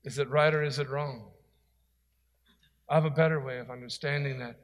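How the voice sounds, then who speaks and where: A man's voice: mid-range voice, steady tone, moderate pace, in a large hall. A man preaching a sermon as pastor, with an earnest, emphatic delivery.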